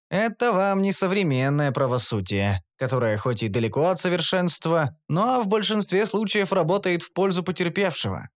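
Wry man narrating a fantasy audiobook. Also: medium pitch. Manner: wry, sardonic asides.

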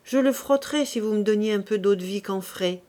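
A woman's voice: mid-range voice, fairly quick, warm tone, lightly acted. Drunk peasant girl slurring and stammering, woman reader doing the voice. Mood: dazed.

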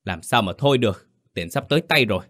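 A cold, scheming young man, voiced by a male storyteller. His deep voice turns curt and quick as bitterness spills out. It is a defiant villain in a spoken ghost story. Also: animated, fairly bright tone.

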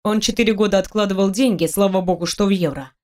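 A woman narrating an audiobook in an even storytelling manner. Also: mid-range voice, fast. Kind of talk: scripted narration.

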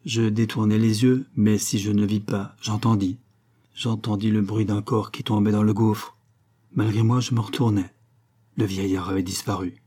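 A man reading a story aloud as narrator, with measured, grave delivery. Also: lowish voice, dark tone, husky. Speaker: audiobook narrator.

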